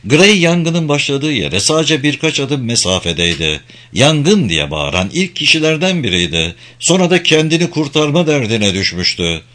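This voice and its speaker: Lively dramatic male audiobook narrator. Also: mid-range voice, moderate pace, hardly any pauses. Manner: dramatic storytelling.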